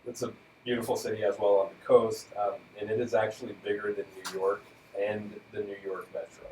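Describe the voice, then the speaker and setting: Relaxed man reading off facts. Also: fairly low pitch, fairly quick, reverberant, far from the mic, slight background noise, rough recording. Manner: relaxed, fact-reciting with fillers and light chuckles. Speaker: radio show co-host. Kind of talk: casual radio chat presenting facts.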